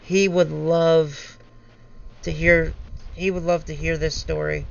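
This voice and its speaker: A man with a high, gravelly voice hosts a casual podcast and tells rambling stories full of fillers and restarts. His voice comes through a dull lo-fi mic with a faint hiss. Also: level tone, takes it slowly. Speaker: host.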